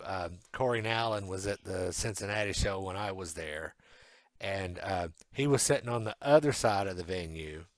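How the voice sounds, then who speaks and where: A man's voice: lowish voice, dry recording. Dry-sounding American male podcast co-host. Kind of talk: casual chat.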